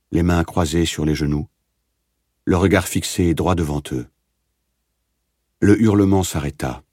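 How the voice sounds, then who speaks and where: A man narrating an audiobook in a steady, measured reading. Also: deep voice, no echo, studio quality.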